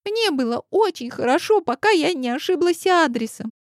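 A feisty young woman with a high, squeaky voice, as a male audiobook reader puts her on. She snaps back defiantly, her lines coming across dry and close. The delivery is sharp and pert, a storybook heroine who refuses to listen. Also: expressive, moderate pace, no echo. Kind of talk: audiobook reading.

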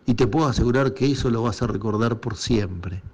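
A man's voice: mid-range voice, brisk, music in the background. A man with an Argentine Rioplatense accent hosting a casual reflective monologue, speaking encouragingly straight to his listeners. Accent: Argentine Rioplatense Spanish.

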